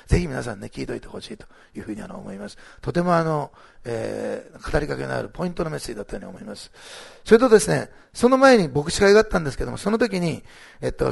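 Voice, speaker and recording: Gravelly husky-voiced male pastor. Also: a little high. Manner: rambling with many fillers and restarts. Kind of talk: church announcements and testimony.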